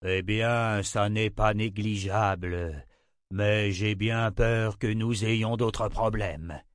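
A man playing a slow, sober old wizard. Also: lowish voice, fairly even intonation, no room sound, studio quality.

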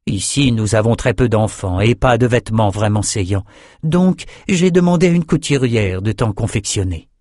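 A man's voice: lowish voice, lively intonation, moderate pace, darkish tone, dry recording, clean studio sound, close to an everyday voice. A man voicing an imperious, possessive woman who heads a circle of scholars, speaking with condescending sweetness. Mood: sweet.

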